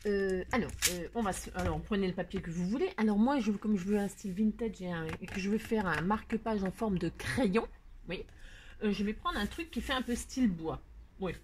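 A woman's voice: medium pitch, lively intonation, brisk, a little mellow. A woman hosting a card-making tutorial, chatting casually and rambling, talking straight to viewers with lots of self-mocking asides. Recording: noisy home recording.

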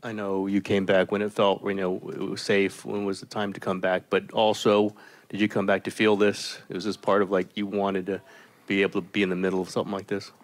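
A man's voice: low-pitched, monotone, brisk. A male reporter asking long, rambling questions at a press conference.

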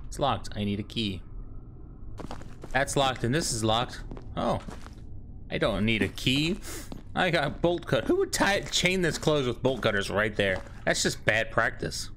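A man's voice: mid-range voice, expressive, measured pace, pauses often, a bit bright, slight background noise. A man in his thirties giving scared, joking, sweary commentary as he streams a horror game, on a close mic. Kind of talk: casual gameplay commentary with swearing.

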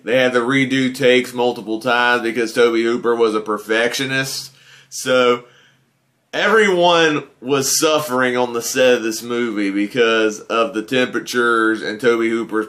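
Bright and forceful at a medium pitch, a man in his thirties delivers a casual, earnest film review as a guest reviewer. He talks to a desk webcam indoors in front of a green-screen backdrop, keeping things conversational with fillers like "you know."

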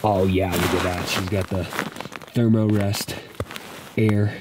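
A man's voice: deep voice, little pitch movement, takes it slowly, background noise. A man hosting an outdoor vlog, narrating casually and with enthusiasm from a mountain campsite into a handheld camera mic. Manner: chatty, enthusiastic. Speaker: vlog host.

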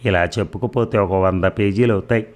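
A man voicing a weary young wife in a comic story, speaking in a hushed, complaining way. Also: lowish voice, a little fast, natural voice.

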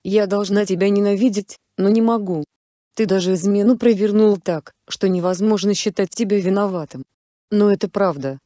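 A woman voicing a young fiancée who is hurt and fierce, sharp when angry. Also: medium pitch, normal speed, dry recording, studio quality, close to an everyday voice. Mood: dignified. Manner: cold then furious.

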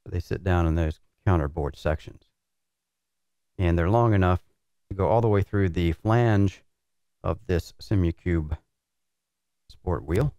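Brief: middle-aged man, very low voice, unhurried how-to talk while assembling gear, dry slightly dull workshop sound. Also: clean tone, no room sound. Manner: relaxed, practical explaining while working with tools. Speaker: sim racing equipment reviewer. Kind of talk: hands-on product setup walkthrough. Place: large indoor workshop with concrete floor.

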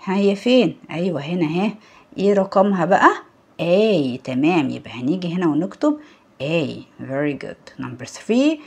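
Egyptian woman teacher for a kids' lesson; husky, lower-pitched voice with a lively, bouncing delivery; quizzes and praises. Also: normal speed. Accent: Egyptian Arabic. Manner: asks the children questions and praises them. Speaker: primary school English teacher. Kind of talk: recorded lesson for young pupils.

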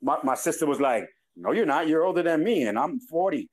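A man in his twenties with a New York accent co-hosts a casual podcast, telling stories and quoting people with animated laughs. His voice is fairly high and fairly quick.

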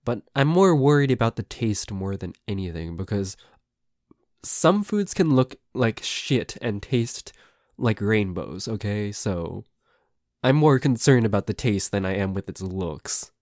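In an ASMR roleplay, a man with a lowish, slightly mellow voice plays a boyfriend who grumbles but is secretly affectionate. Flustered and defensive, he stammers, hesitates, swears and speaks grudgingly, very animated yet a little slow. The recording is dry and studio quality.

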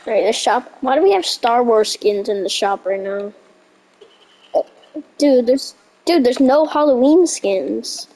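Excitable young gamer with a stuffy nose. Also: female voice, fairly high pitch, poor audio. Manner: excitable, reads on-screen text aloud haltingly. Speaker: gaming youtuber. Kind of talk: casual gameplay commentary.

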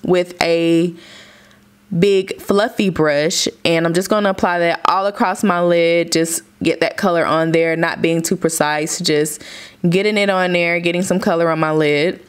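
A young woman casually narrating her makeup routine step by step, chatty and relaxed. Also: on the low side, moderate pace, clean tone. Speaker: beauty vlogger. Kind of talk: makeup tutorial voice-over.

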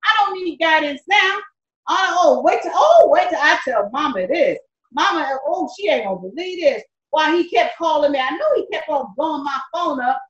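A woman's voice: high voice, lively intonation, moderate pace. A woman playing a bitter grown daughter about to marry, speaking in a scornful, emphatic way. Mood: worked up. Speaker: church skit actor. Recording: echoey, dull lo-fi sound.

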